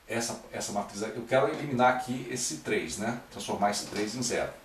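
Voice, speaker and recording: A man teaches math step by step in a mid-range voice, speaking fairly quickly and often checking in with his students. Slight background noise accompanies this classroom-style lecture, recorded in an echoey room from a distant mic.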